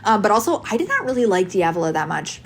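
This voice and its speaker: A woman giving casual, opinionated vlog commentary on books in an animated, emphatic way, with music behind her. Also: medium pitch, fast. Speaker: book reviewer with a video channel.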